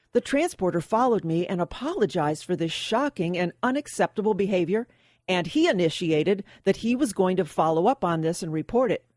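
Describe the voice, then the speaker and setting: A woman's voice: medium pitch, a little mellow, no room sound. Woman host, middle-aged, scripted radio commentary, plainspoken and a bit sardonic, dead-dry studio sound. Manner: plainspoken storytelling, mildly sardonic asides.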